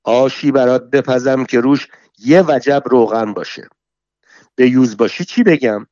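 A foul-mouthed, quarrelsome middle-aged woman, put on by a male reader, scolding and hurling insults in a loud, fierce voice. The recording is dull and lo-fi, in a dry room with no echo. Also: medium pitch, close to an everyday voice. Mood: shouting. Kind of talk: dramatic story reading.

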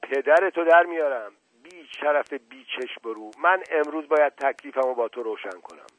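A man's voice: on the high side, expressive, no room sound, voice pushed up. A man doing a furious hot-tempered man. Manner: shouting threats. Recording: tinny dry radio broadcast.

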